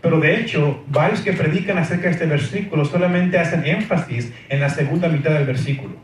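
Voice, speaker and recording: Recorded by a distant mic in a very echoey church hall with faint noise, a man delivers a sermon at a slightly fast pace in a fairly high voice. He's emphatic, throws rhetorical questions at the congregation, and repeatedly says "amén."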